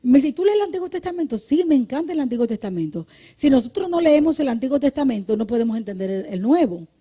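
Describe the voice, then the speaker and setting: A woman's voice: sits high, very animated, quick pace, dark tone, slightly rough. A woman pastor preaching a midday church sermon in a conversational teaching way, often checking in with her listeners and saying amen, with some restarts and repeated words. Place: church service.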